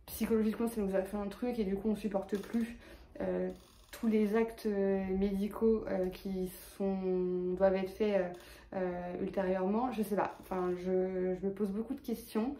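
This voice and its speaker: Lisping woman with a flat, roomy sound. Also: mid-range voice, a little slow. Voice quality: lisp on s sounds. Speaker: vlogger. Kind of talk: personal vlog update, casual talk.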